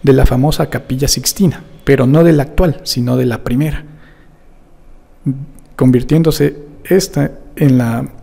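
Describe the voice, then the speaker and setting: A man with a gravelly, husky voice teaching a Bible prophecy lesson. He explains things step by step and keeps checking in with his listeners. His dark tone rings out in long reverb. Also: mid-range voice, unhurried, pauses often.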